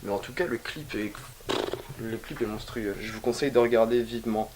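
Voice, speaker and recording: A man's voice: on the low side, steady tone, brisk, noisy background. A young adult man vlogging in a casual chatty way, slangy and swearing freely, with joking asides to viewers. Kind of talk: casual vlog talk to camera. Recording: hip hop music playing behind.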